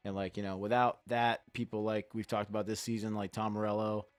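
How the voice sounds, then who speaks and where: A man's voice: lowish voice, little pitch movement, a little fast, clean tone, dry recording. A man hosting a casual music chat podcast, easygoing and rambling with fillers. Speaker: podcast host.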